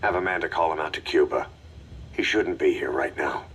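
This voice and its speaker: An actor playing a gruff mercenary leader in a video game, giving a grave, terse, commanding briefing. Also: male voice, very deep voice, fairly quick, fairly bright tone, heavily acted. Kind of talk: video game voice acting, mission briefing dialogue.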